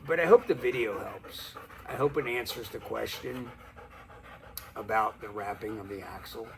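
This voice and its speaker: A middle-aged man talking casually to camera in a calm, unhurried, folksy way, like a plain-spoken motivational teacher. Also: lowish voice, gravelly, poor audio. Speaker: video host and teacher. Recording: some background noise.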